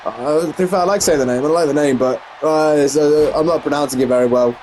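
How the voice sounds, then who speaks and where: A man's voice: on the high side, fast, darkish tone, slight background noise. A young English man casually commentating a wrestling video game, rambling and correcting himself with frequent exclamations. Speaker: gameplay commentator.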